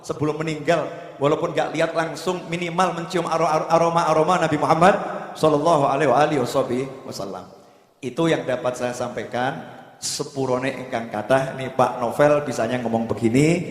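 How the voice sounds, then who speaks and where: A man giving a religious lecture, lively and rising to loud urging of the congregation. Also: fairly high pitch, normal speed. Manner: animated, rising to loud exhortation. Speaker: preacher. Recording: echoey hall with long reverb.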